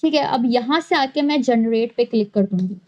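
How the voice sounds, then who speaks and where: A woman with a high, light voice walks through a software tutorial step by step. She explains patiently and goes back over key points. The recording is dull and lo-fi. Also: moderate pace. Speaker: animation tutorial host.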